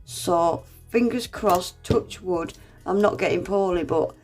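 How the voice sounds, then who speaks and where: Sounding congested and under the weather, a woman slowly talks viewers through a nail art tutorial, her low-ish voice a little mellow. The step-by-step narration is chatty and self-deprecating, and she refers to viewers as "guys." Faint music plays underneath.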